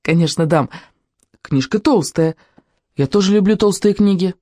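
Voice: mid-range voice, normal speed, warm tone, dry recording, close to an everyday voice. A reader voicing Natasha, an earnest, enthusiastic young girl in an audiobook who loves books and drawing. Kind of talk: audiobook character reading.

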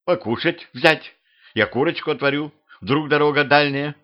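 A man's voice: a little high, moderate pace, voice pushed up, natural voice. A man voicing a wailing, fussy middle-aged wife in a humorous audiobook, raised and lamenting. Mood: fussing. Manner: lamenting, fussing. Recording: muffled lo-fi home recording.

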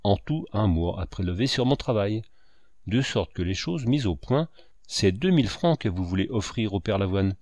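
A man voicing a proud, brutal male painter who mocks and shouts at his rival. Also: on the low side, lively intonation, moderate pace, no room sound, studio quality. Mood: sneering. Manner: loud, mocking, shouting.

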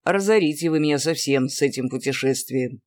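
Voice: mid-range voice, fairly quick, darkish tone, natural voice. A reader voicing a good-natured middle-aged uncle who grumbles about money. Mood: grumbling.

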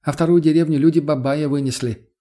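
A man voicing a hot-headed, irritable young man who keeps shouting in exasperation. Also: fairly high pitch, steady tone, a little fast, close to an everyday voice. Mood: exasperated.

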